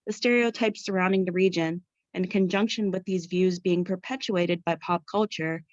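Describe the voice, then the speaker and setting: A woman's voice: lowish voice, steady tone, moderate pace, dry recording, lo-fi sound. A young American woman reading out a scripted academic presentation in a formal, careful way, as a student researcher. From Pittsburgh area, United States. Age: young adult. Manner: formal, carefully read-out delivery.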